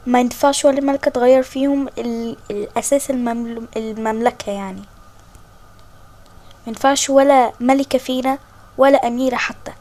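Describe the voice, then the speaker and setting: Egyptian lady doing a proud old queen, firm and lecturing, higher voice. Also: a little mellow, close to an everyday voice. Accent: Egyptian Arabic. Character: stern elderly woman queen, proud and distrustful. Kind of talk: voiced toy-game story.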